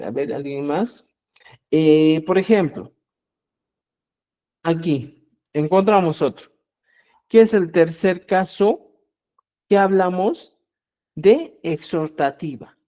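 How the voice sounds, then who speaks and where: Male tutor, warm low timbre, lively pitch swings on examples, often asks if viewers follow. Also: slow pace, long pauses. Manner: addresses viewers as "estimados amigos", asks "¿ya?" often. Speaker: Quechua language teacher. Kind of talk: online grammar lesson.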